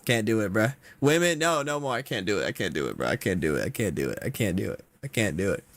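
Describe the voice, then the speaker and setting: A young man giving casual reaction commentary, slangy and exasperated, with sudden loud outbursts. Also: fairly low pitch, sing-song, fast talker, dry recording. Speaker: content creator.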